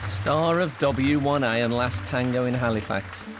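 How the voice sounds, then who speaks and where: Brief: man, steady scripted documentary voice-over, music bed underneath. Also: medium pitch, unhurried, crowd noise. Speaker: narrator. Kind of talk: scripted narration.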